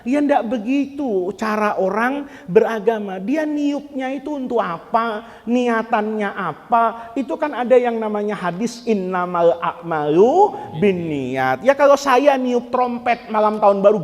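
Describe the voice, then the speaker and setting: A man preaching a sermon, animated and joking, swinging between loud and soft. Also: high voice, a little slow, big-room sound. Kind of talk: Islamic sermon to a congregation.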